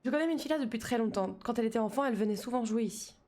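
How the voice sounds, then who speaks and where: A woman reading aloud the calm lines of a kindly male priest from a video game during a live stream. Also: a little high, racing, lightly acted.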